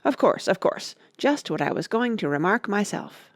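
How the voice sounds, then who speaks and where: A woman's voice: medium pitch, sing-song, normal speed, no echo, clean studio sound. A woman voicing a bored, opinionated male hare at a storybook tea party, with a blunt manner. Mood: agreeing. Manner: blunt, interrupting.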